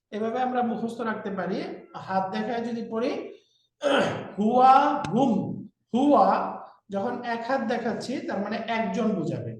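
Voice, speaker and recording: A man teaching an online language class, drilling vocabulary with a repeated chanting rhythm over a video call. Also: high voice. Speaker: Arabic teacher. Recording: echoey room sound.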